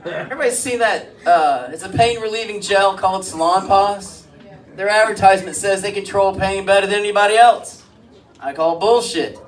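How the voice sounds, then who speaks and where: A man with a high voice delivers a stand-up set in a flat, deadpan way, landing crude one-liners. The sound is a live club recording, caught a little far from the mic with a faint hiss under it. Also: normal speed. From Springfield, US. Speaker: stand-up comedian. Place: comedy club stage. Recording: live club mic heard from a distance, light noise.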